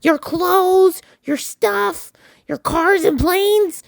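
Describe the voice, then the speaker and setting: A snide strawman critic, put on by a woman in a shrill, very high voice. The heckler drags each word out slowly and mockingly, and the voice has a gravelly edge. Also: dry recording, clean studio sound, full character voice. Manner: squeaky, slow and mocking.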